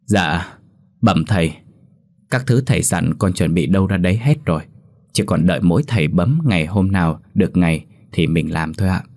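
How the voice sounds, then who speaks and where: A man's voice: sits low, normal speed, a little mellow. A man voicing a rich, stingy old landlord, speaking obsequiously to a sorcerer. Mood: fawning. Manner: obsequious, polite.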